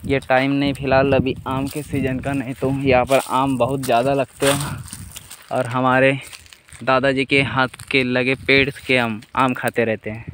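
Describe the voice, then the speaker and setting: Against a noisy background, a young adult man with a mid-range voice walks viewers around his dry farm among the trees. He's a chatty vlogger, phone held at arm's length, treating his audience as friends.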